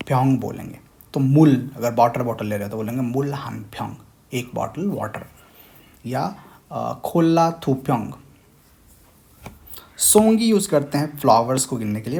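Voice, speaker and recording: A man's voice: medium pitch, darkish tone. A young man, a language teacher patiently explaining a lesson step by step. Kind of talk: screen-share tutorial explanation.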